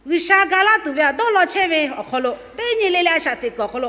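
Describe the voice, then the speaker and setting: A woman's voice: sits high, lively intonation, brisk, sharp tone. A woman preaching a sermon in a church service. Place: church hall. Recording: long hall reverb.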